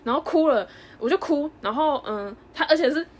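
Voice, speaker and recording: A young woman co-hosting a casual podcast, telling a story in an animated way and acting out the lines of others. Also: high-pitched. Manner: animated storyteller, quick, acts out dialogue. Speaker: podcast co-host.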